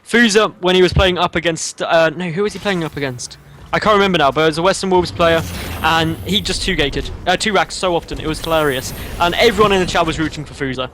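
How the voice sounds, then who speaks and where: A man commentates a video game match with a playful, teasing streak and takes time to explain the builds. His voice is a little higher than most men's. A faint hiss sits underneath. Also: quick pace, fairly bright tone. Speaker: esports caster.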